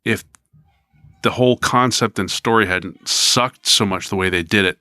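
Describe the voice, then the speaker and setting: A man's voice: fairly low pitch, normal speed, bright, forceful tone, clean tone, no echo, studio quality. A man in his fifties co-hosting a podcast in casual chat, rambling and hesitant with frequent ums. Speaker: podcast co-host.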